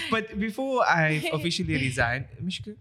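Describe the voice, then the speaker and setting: A man co-hosting a podcast in casual chat, relaxed, with easy laughs and murmured agreement. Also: a little high. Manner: laid-back, murmurs agreement, laughs easily. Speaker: podcast co-host.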